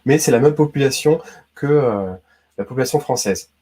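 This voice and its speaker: A YouTube host from Brittany, France, runs a casual quiz video, chatting straight to the viewer and peppering his speech with "hein" and "d'accord." His medium-pitched voice is mellow and slightly rough, at a normal speed.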